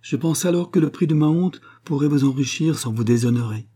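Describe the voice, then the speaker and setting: A man's voice: fairly high pitch, fairly quick, warm tone, slightly rough, voice pushed up. A man voicing a proud, wounded young aristocratic widow who speaks in a pleading, bitter way. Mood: bitter, wistful.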